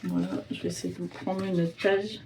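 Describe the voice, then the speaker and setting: Woman book vlogger, casual and hesitant, warm low-key tone, slightly distant mic. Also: sing-song, moderate pace, slight background noise. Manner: hesitant, many fillers and restarts. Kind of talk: casual reading vlog.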